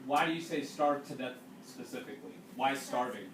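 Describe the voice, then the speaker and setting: Reading a storybook to his pupils, an animated teacher with a medium-pitched voice pauses for explanations and questions that check their understanding. The classroom audio is roomy, recorded from a distance, with faint background noise.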